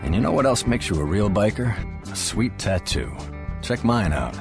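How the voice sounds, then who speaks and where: An actor playing a proud, slightly dim wannabe biker in a comic radio commercial. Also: male voice, on the low side, very animated, moderate pace, over music. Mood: boastful.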